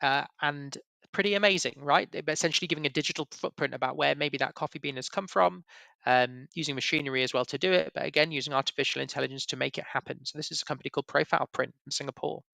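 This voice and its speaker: Bright-voiced man presenting. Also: a little high, fast, creaky, no room sound. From Yorkshire, England. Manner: chatty, many fillers and restarts. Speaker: webinar presenter. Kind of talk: casual presentation.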